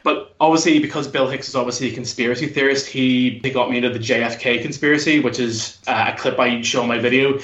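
Speaking fast with few pauses, a Northern Irish man in his thirties with a Belfast accent keeps a steady, fairly bright, medium-pitched tone. As an interview guest on a podcast he talks casually and discursively, and the audio is dull, lo-fi and echoey.

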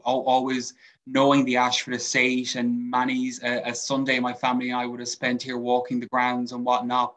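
Irishman with west of Ireland accent, even-toned. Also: medium pitch, rough recording. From County Mayo, Ireland. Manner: hesitant, repeats words as he goes. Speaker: hotel sales executive, interview guest. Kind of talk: conversational interview.

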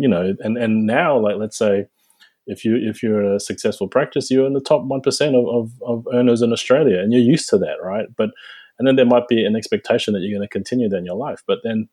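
Husky guy in his 40s, kinda low voice, reflective, lots of restarts, guest on a dental podcast. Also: dark tone. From New Zealand. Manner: reflective, halting, frequent restarts. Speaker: guest dentist. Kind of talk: conversational interview answers.

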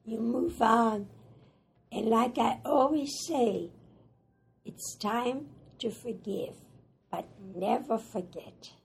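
Older woman, German native speaker, interview testimony; hoarse, husky, slightly high voice, unhurried. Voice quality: raspy, hoarse voice. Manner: halting, plain-spoken, repeats words. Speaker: Holocaust survivor interviewee. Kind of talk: oral history interview.

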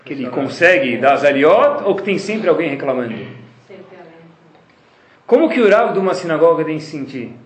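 A man with a Brazilian Portuguese accent, teaching a religious class as a lively storyteller who keeps addressing his listeners with rhetorical questions. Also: fairly high pitch, moderate pace, pauses often. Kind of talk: lecture to a class. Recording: roomy, with faint background noise.

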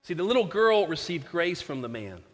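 A man's voice: fairly high pitch, sing-song, normal speed, long reverb tail. A man preaching a sermon, telling a story earnestly with frequent restarts and fillers.

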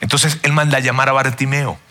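A man's voice: medium pitch, little pitch movement, a little fast, sharp tone. A man preaching a sermon earnestly and emphatically, often calling his listeners friends.

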